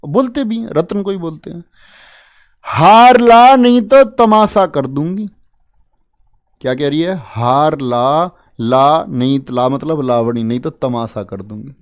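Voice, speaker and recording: A man's voice: fairly high pitch, darkish tone. A man teaching an exam-prep lesson in a casual, playful way, coaxing students along with jokey memory tricks. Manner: chatty, addresses listeners as "bhai".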